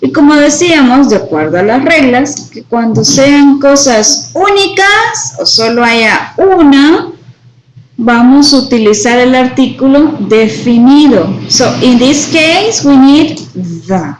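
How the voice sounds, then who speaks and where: A woman teaching an English grammar lesson, explaining each example slowly in both Spanish and English and checking with her students as she goes. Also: high-pitched, lively intonation, a little hiss or hum, poor audio. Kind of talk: bilingual classroom grammar lesson.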